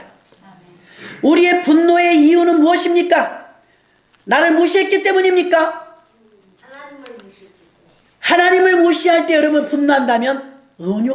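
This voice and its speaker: A woman guest pastor preaching a sermon in a church, emphatic, repeating key lines and calling for amens. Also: high-pitched. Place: church sanctuary. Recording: roomy church hall echo.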